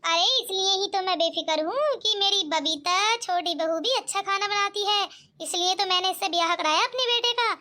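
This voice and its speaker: A woman's voice: extremely high pitch, moderate pace, bright, forceful tone. A woman voicing a bossy, proud middle-aged mother-in-law in a cartoon, speaking in a commanding and boastful way. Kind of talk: cartoon voice acting.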